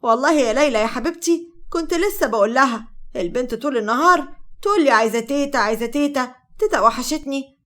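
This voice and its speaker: A woman voices a vain, touchy Egyptian stepmother in a narrated story. She snaps back indignantly, high and fast. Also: animated, a bit bright. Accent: Egyptian Arabic. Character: vain young stepmother, touchy about age.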